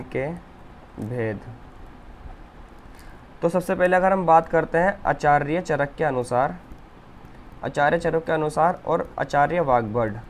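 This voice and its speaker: A man's voice: a little high, slight background noise. A young man teaching an Ayurveda lesson, explaining step by step as he writes, often checking in with "okay". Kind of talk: whiteboard lecture.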